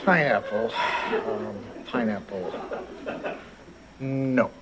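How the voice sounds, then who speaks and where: Nervous stammering innkeeper, mid voice, some hiss. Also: male voice, fairly low pitch, drawn-out words. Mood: hesitant. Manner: stammering, hesitant. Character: hesitant, uptight male innkeeper.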